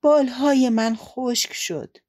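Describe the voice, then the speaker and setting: A woman's voice: high voice, steady tone, a little mellow, dry recording, studio quality, pitched above the performer's own voice, close to an everyday voice. A woman voicing a hopeful, thirsty duck with an eager manner.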